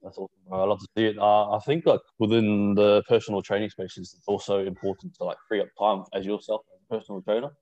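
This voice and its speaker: A man's voice: fairly low pitch, flat delivery, fast, few pauses, darkish tone. A man hosting a casual, slangy interview. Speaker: podcast host. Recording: slightly dull call audio.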